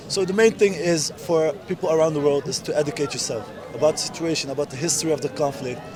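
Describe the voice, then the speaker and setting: On the high side and fast, the voice belongs to a Dutch man in his twenties interviewed during an outdoor street protest. He speaks earnestly and emphatically in short, insistent phrases while a loud crowd of protesters is heard around him.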